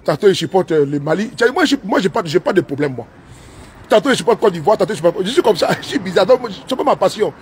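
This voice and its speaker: A man's voice: sits high, lively intonation, quick pace, slight background noise. A man streaming live from inside his car, talking in a long, repetitive, rambling monologue and slipping into broken English now and then. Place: inside his parked car with engine running.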